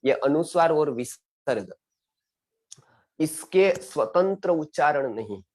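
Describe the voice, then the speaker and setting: A man's voice: fairly high pitch, animated, takes it slowly, darkish tone. Earnest male Sanskrit teacher. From India. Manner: earnest, exhortative, repeats questions to students. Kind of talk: online class lecture.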